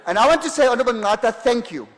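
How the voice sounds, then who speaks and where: A man's voice: very high voice, expressive, rapid-fire, fairly bright tone. A man making an earnest debate speech in a provincial legislature, pressing on over interruptions. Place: legislative chamber. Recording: long reverb of a legislative chamber.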